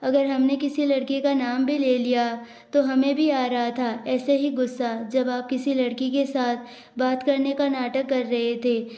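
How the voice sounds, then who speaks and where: A woman's voice: sits high, little pitch movement, unhurried, warm tone, roomy sound, lo-fi sound. A woman voicing a proud, tearful young wife who speaks in a reproachful, formal way. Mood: angry.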